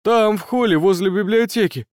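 A man's voice: sits high, normal speed, darkish tone, no room sound, studio quality, voice pushed up, lightly acted. A man voicing a frightened, out-of-breath teenage schoolboy who talks in agitated gasps. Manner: agitated, gasping.

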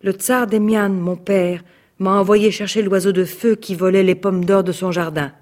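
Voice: mid-range voice, little pitch movement, moderate pace, darkish tone, close to an everyday voice. Storybook young prince, apologetic and earnest, read by the narrator. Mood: pleading. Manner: pleading, apologetic. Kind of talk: read-aloud fairy tale.

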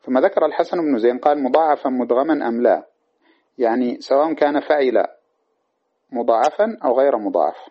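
Guy teaching a grammar lecture, patient, keeps checking in, kinda husky, dull lo-fi recording. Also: medium pitch, fairly quick. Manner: patient explainer with frequent check-in questions.

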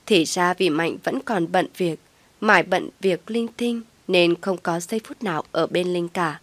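A woman's voice: on the low side, measured pace, no echo. A woman narrating a dramatic family story as a storyteller, reading steadily and expressively.

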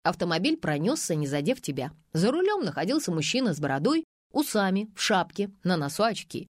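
A woman's voice: fairly low pitch, sing-song, brisk, no room sound, studio quality. A woman reader voicing a persistent man who keeps questioning and reasoning insistently. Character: firm middle-aged man, questioning, persistent.

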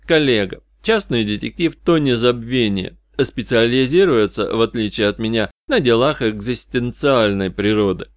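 A man narrating a first-person detective audiobook in an even, wry, measured way. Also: medium pitch, dry recording, clean studio sound. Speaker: audiobook reader.

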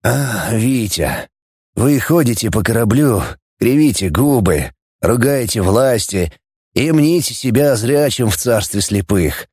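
A man's voice: on the high side, big pitch swings, moderate pace, creaky, darkish tone, husky, dry recording, clean studio sound, heavily acted. A man voicing a wiry, irritable elderly starship captain who barks and sneers at a junior officer. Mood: weary. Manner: barking, sneering, then weary.

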